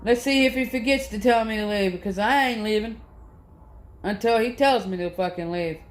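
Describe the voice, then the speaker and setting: A man's voice: sits high, moderate pace. A man vlogging in a casual, rambling monologue, swearing constantly as he rants about his grievances. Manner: profane, rambling, aggrieved ranting. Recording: echoey room.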